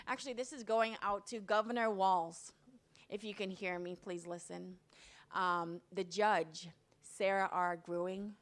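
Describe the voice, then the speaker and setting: A middle-aged woman speaks straight to camera in an indignant public statement. She reads passages from documents aloud, pressing hard on key words. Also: fairly low pitch. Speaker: business owner making a public statement.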